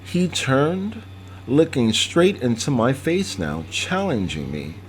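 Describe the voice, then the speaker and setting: A man narrating an audiobook dramatically, reading each character's dialogue aloud in a measured delivery. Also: medium pitch, big pitch swings.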